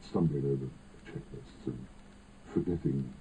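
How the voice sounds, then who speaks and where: A man speaking as an airline pilot, his voice electronically disguised to sound deep, talking in a hesitant, halting way. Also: warm tone, husky. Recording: tinny phone-like band, faint noise.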